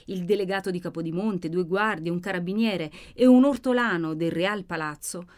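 A woman reading a novel aloud with vivid, dramatic narration. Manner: expressive, with sharp swings in pitch and loudness. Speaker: audiobook narrator.

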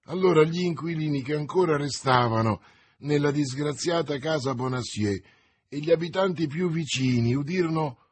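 A man narrating an audiobook in a measured storytelling manner. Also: mid-range voice, slightly rough. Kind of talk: scripted narration.

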